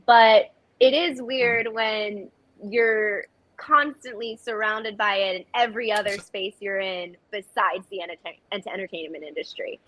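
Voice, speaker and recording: A woman's voice: medium pitch, fairly even intonation, a little slow, fairly bright tone, poor audio. A woman actress giving earnest, reflective interview answers with frequent restarts. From United States. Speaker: actress, guest.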